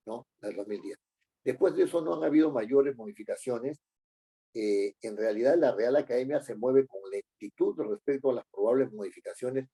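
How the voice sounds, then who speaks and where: A man teaching a lesson, pausing often with fillers and tag questions. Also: mid-range voice, warm tone, husky. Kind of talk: lecture.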